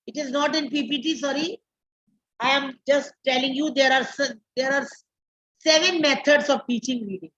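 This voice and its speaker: A woman's voice: high-pitched, moderate pace, a bit bright, highs cut off. A woman with an Indian English accent giving a classroom lecture to teacher trainees, repeating key terms and slipping into Hindi. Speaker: teacher educator.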